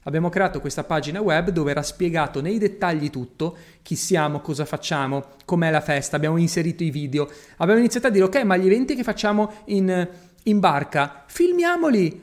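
A man coaching business owners in an energetic, emphatic way. His voice sits a little high for a man. He drives points home by repeating them. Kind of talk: motivational talk to camera.

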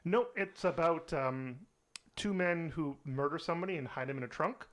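A man's voice: a little high, normal speed. A man co-hosting a casual film podcast, chatty and laughing often as he quizzes his co-host.

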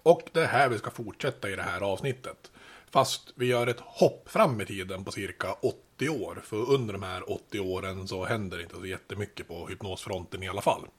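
Male podcast host, low husky voice, casual storytelling narration. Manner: relaxed, chatty explaining with asides.

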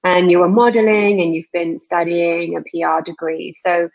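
A woman's voice: fairly low pitch, little pitch movement, moderate pace, gravelly, lo-fi sound. A woman hosting a podcast interview over a remote call, chatty, with many ums and restarts. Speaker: podcast host.

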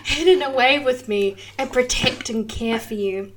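Woman doing a fond, seductive serpent woman for an audio role-play; breathy high voice, unhurried lines. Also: a little hiss or hum. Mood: longing. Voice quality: breathy, soft and adoring. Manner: slow, lingering and affectionate. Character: doting seductive female snake-woman monster.

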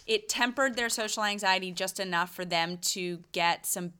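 A woman's voice: medium pitch, moderate pace, bright, forceful tone, clear, resonant tone. A woman co-hosting a casual health podcast, explaining research findings in a conversational way, with frequent restarts. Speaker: podcast co-host.

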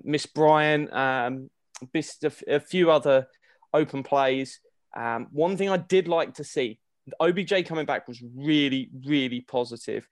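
A man with a fairly high voice talks through sports analysis in a casual podcast style. He thinks aloud in a halting way, and the recording is dry and close, without room sound. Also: dry recording. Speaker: podcast co-host analysing games.

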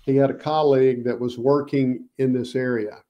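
A man's voice: mid-range voice, flat delivery, normal speed, dull audio. A man being interviewed as a guest researcher, explaining patiently with many hesitations and fillers. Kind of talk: casual interview.

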